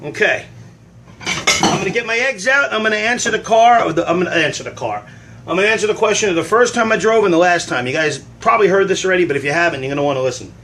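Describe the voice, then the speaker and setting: Man, livestream host, bright and slightly high, rambling, self-deprecating home chat. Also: animated, quick pace, slight background noise. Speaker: livestream host answering fan questions. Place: at home cooking eggs. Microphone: phone.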